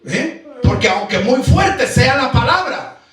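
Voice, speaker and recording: High-pitched, emphatic preacher in echoey church. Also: male voice, sing-song, slow, faint music behind. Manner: emphatic, rhetorical questions, bursts of shouting. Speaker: pastor. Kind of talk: Pentecostal-style sermon. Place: church sanctuary. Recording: very echoey church hall, mic far off.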